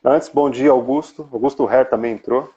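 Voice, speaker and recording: A man hosting a live talk show, asking slow rhetorical questions in casual chat. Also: medium pitch, dark tone, lo-fi sound.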